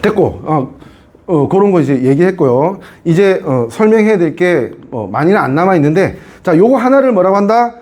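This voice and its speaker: Male science teacher, high and very animated delivery, keeps asking the class if they follow. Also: normal speed. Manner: chatty, keeps asking students to confirm; repeats and re-explains key points. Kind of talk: classroom lecture.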